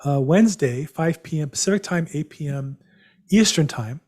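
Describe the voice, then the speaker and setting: A man's voice: a little high, lively intonation, normal speed, a little mellow. Chatty man hosting a video-call seminar. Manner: chatty, rambling with many fillers. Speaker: seminar host, real estate agent. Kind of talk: live webinar presentation.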